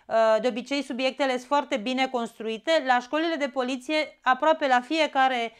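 A woman with a Romanian accent teaching an exam-prep grammar lesson, explaining step by step and often checking in with a quick "da?". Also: sits high, fairly even intonation, clean tone.

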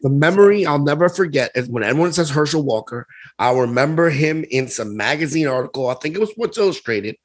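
A man co-hosting a podcast in casual chat, animated, jokey and quick to laugh. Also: a little high. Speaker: podcast co-host.

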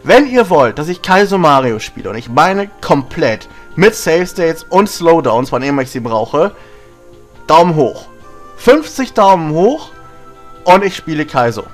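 A man hosting a casual gaming video blog, slightly hoarse from a sore throat, talking in an informal, blunt, rambling way. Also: on the high side, very animated, normal speed, faint music behind. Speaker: gaming channel host.

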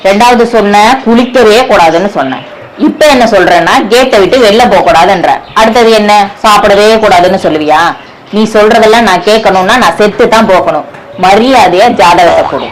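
A woman acting in a comedy skit, first gullible and then scolding, with lively delivery. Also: mid-range voice, a little fast, slight background noise, rough recording. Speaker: comedy sketch actress. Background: music.

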